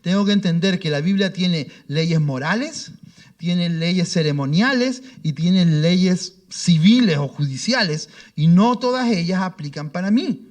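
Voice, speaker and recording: A man's voice: sits high, animated, unhurried. A middle-aged man, a pastor giving a sermon and telling stories, acting out the dialogue in voices. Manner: storytelling, acts out dialogue in voices.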